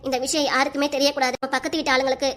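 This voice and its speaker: A woman's voice: high-pitched, flat delivery, very fast, a bit bright. A woman voicing a fussy, talkative older mother-in-law in a cartoon, with a southern Tamil accent. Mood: bossy. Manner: emphatic and talkative.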